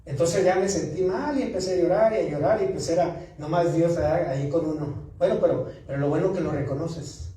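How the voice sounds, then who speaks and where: Un pastor con acento mexicano predica un sermón a su congregación y cuenta una anécdota personal pidiendo a menudo el asentimiento de los hermanos. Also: male voice, fairly high pitch, a little fast, hardly any pauses, warm tone. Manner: storytelling, asks the congregation for agreement. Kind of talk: sermon. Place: church. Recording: echoey church hall, distant mic.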